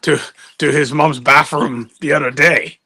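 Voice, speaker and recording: A man's voice: fairly high pitch, fairly even intonation, unhurried, vocal fry, bright, forceful tone, husky, no room sound, full character voice. A man voicing a goofy male ninja entertainer who talks in clipped broken English and mock-wise sayings. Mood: jokey. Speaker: recurring comic guest.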